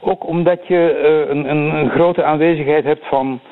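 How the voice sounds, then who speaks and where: Older Belgian guest, Belgian Dutch accent, halting delivery full of "eh"; tinny phone-line sound. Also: male voice, on the high side, fairly even intonation. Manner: hesitant, many fillers and repeated words. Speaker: guest commentator. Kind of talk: radio interview by phone.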